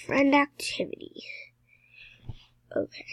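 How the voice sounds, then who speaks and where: A woman giving casual, excitable commentary while playing a game, chatty and dropping into mumbled asides. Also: slow, dry recording, whispered. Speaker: gameplay commentator.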